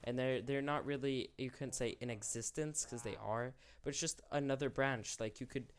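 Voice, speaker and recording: Medium pitch, normal speed: a young man hosting a YouTube channel riffs through unscripted commentary. He's sick and losing his voice, and he rambles candidly, frequently correcting himself.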